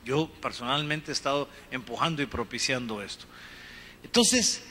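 A middle-aged man from Guatemala giving an earnest, measured talk on a conference panel, speaking into a handheld microphone. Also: mid-range voice, sharp tone. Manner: earnest, measured, gesturing with his free hand. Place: conference hall stage. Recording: reverberant hall, faint room noise.

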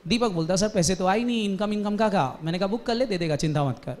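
A man with a high voice teaches a commerce class. He tells lively stories and keeps firing quick questions at his students. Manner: animated storytelling, quizzing students. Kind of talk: classroom lecture.

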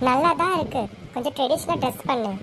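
A woman's voice: high-pitched, fast, natural voice. A girl playing a fussy, doting mother. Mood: scolding fondly. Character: middle-aged mother, fussy and affectionate. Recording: noisy amateur home recording.

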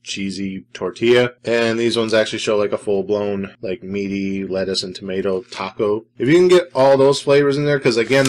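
A man hosting his own snack review vlog, talking casually with dry sarcasm and rambling asides. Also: medium pitch. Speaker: food reviewer host.

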